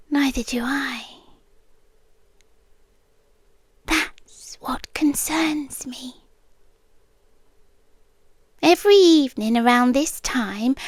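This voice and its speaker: In an ASMR roleplay, a British woman with a high-pitched voice plays an eerie, possessive doctor, speaking deliberately in a hush that keeps sliding into whispers, with long pauses. The heavily acted performance carries a mood of quiet unease, captured in a close, dry recording.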